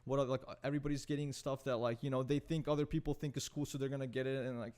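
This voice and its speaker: A Serbian photographer and content creator in his late twenties rambles quickly as a podcast guest, constantly filling his speech with "like" and "dude". His medium-pitched voice has a darkish tone and fairly even intonation.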